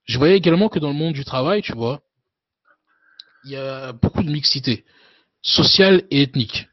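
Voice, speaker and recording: A man's voice: medium pitch, lively intonation, moderate pace, no echo. Casual man with a dull, dry sound. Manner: loose, with frequent hesitations and "you know" tags. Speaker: guest. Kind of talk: casual conversational interview.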